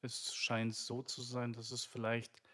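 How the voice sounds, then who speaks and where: A man from Swabia, co-hosting a radio discussion, arguing his points in a reflective, measured way. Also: medium pitch, monotone, a bit bright. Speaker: radio co-host.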